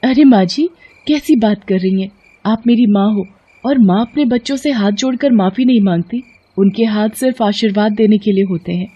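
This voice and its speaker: A woman voicing a meek, kind young wife in an animated story, soft and obedient. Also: medium pitch, moderate pace, slightly rough, dull audio, voice pushed up, natural voice. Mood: tender.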